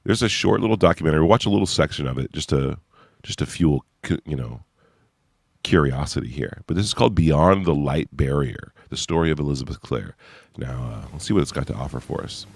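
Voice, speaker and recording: A man's voice: very deep voice, lively intonation, brisk, vocal fry, breathy edge, no echo, clean studio sound. A young man casually walking through his website on screen, rambling and thinking aloud. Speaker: website creator giving a demo. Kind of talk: casual screen-share walkthrough.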